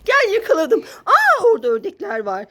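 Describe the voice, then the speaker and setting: A woman's voice: extremely high pitch, huge pitch swings, fairly quick, very noisy. A woman filming a family vlog at home, commenting playfully with exclamations, mock-scolding and frequent laughter. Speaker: family vlogger. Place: child's bedroom at home.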